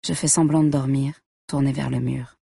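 A woman narrating a first-person story in a quiet, intimate way. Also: rumbling low, fairly even intonation, normal speed, creaky, breathy edge, no room sound, studio quality.

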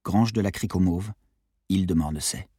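Low husky male audiobook narrator. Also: brisk, warm tone, dry recording, clean studio sound. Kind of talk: scripted first-person audiobook narration.

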